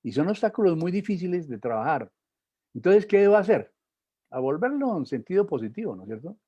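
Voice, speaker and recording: A middle-aged man gives a public talk, relaxed and chatty. His voice is warm and mellow, with a faint huskiness. He keeps checking in with his listeners through short tag questions. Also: high voice, brisk, lo-fi sound. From Colombia. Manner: conversational, peppered with tag questions and fillers. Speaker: lecturer. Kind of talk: public talk on emotions and spirituality.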